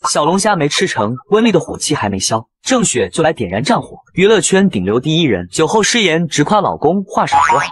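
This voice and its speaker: A man narrating a comic manga recap in a brisk, playful way. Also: fairly high pitch, very animated, slight background noise.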